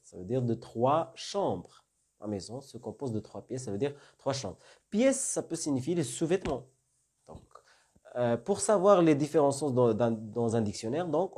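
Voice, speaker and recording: A man's voice: mid-range voice, dark tone, breathy edge. A man teaching French vocabulary in a lesson, explaining step by step and often checking with "d'accord?". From North Africa. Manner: explains slowly with repeated questions and "d'accord?". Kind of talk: classroom-style lesson.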